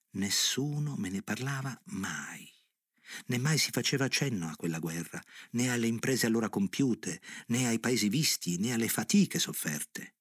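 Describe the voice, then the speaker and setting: A middle-aged man reading a novel aloud in a measured, grave narrating voice. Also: on the low side, breathy edge, dry recording, clean studio sound.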